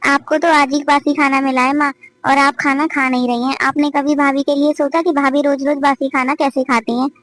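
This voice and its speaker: A woman's voice: high-pitched, little pitch movement, normal speed, fairly bright tone, no echo. A woman voicing a caring, firm young sister-in-law in a cartoon family drama, lecturing her mother.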